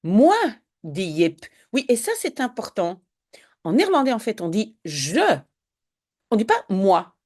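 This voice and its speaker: A woman's voice: mid-range voice, very animated, measured pace, darkish tone. A woman with a Belgian French accent, a language teacher patiently explaining a Dutch reading step by step to French speakers.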